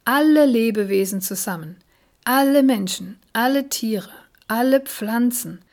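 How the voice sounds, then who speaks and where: A woman's voice: on the high side, measured pace, a little mellow, pitched above the performer's own voice. A woman voicing a playful, cheerful talking cat in a storybook reading, chiming in eagerly.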